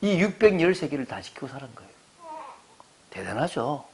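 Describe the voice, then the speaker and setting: A man's voice: a little high, sing-song, moderate pace, husky. A man in his forties, a pastor preaching a sermon at a church service. He explains his points conversationally and keeps putting rhetorical questions to the congregation.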